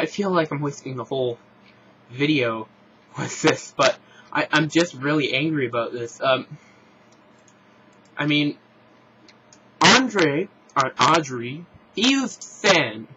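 Bright-voiced man giving a rambling vlog review. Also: on the high side, lively intonation, slow pace, long pauses, breathy edge, muffled recording. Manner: rambling, frank, with restarts and self-corrections. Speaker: show reviewer. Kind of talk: casual opinionated vlog commentary.

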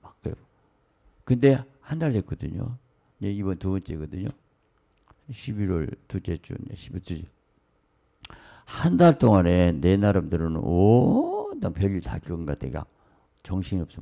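A middle-aged man, a senior pastor preaching at a dawn prayer service in a hurried, excitable way, full of quick exclamations and asides. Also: deep voice, gravelly.

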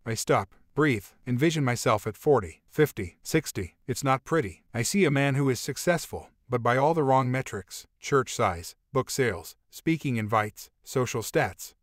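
A man reading a first-person book aloud in a steady, measured way, with conversational asides. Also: mid-range voice, dry recording, studio quality. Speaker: audiobook narrator. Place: voice-over.

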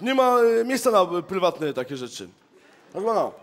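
A man playing an exasperated, high-voiced office clerk. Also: very animated, a little fast, fairly bright tone. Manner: exasperated, repeats polite address, bursts into song. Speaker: comedian. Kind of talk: cabaret sketch. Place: theater stage.

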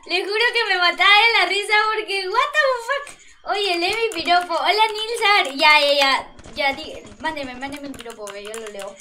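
A woman's voice: high-pitched, moderate pace, few pauses, a little hiss or hum. A young woman live-streaming a game, chatting playfully with her chat and shrieking during fights. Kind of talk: casual live-stream chat while gaming. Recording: loud music playing under the voice.

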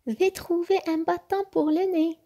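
A woman's voice: very high voice, fairly even intonation, measured pace, mellow, pitched above the performer's own voice. A woman voicing a cheerful, carefree little girl who speaks eagerly in a storybook.

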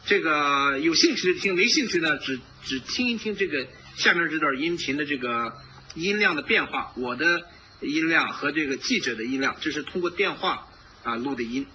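A man's voice: a little high, animated, moderate pace, pushed and bright, dull audio, a little hiss or hum. A man giving informal political commentary as a host, emphatic and repeating his phrases.

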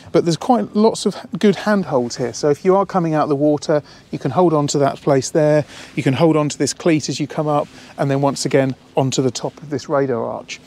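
A man's voice: on the high side, mellow. Upbeat man touring a boat outdoors. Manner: enthusiastic, with frequent fillers and repeated words. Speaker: boat salesman. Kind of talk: walkthrough tour. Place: outdoors on a marina pontoon and aboard a boat. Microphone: handheld camera, speaker walking around it.

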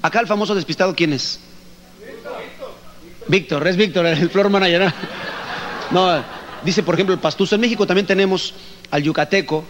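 A man's voice: sits high, moderate pace, pauses often, a bit bright, a little hiss or hum. A middle-aged man with a Mexican accent doing a chatty, teasing stand-up comedy routine on a stage before a live audience.

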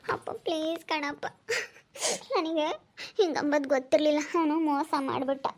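A woman's voice: high-pitched, steady tone, moderate pace, a little mellow. A woman playing a tearful young married daughter who begs and apologizes. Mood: pleading. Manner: begging, apologetic.

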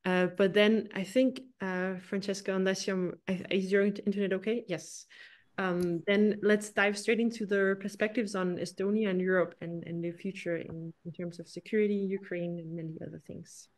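A woman's voice: medium pitch, level tone, normal speed. A young woman moderating an online event over a video call, speaking hesitantly with many restarts.

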